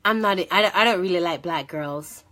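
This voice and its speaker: Lady telling her faith story, lowish voice, jumps way up when she acts stuff out. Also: normal speed. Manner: animated, acts out quoted voices with big pitch jumps. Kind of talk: personal testimony, storytelling.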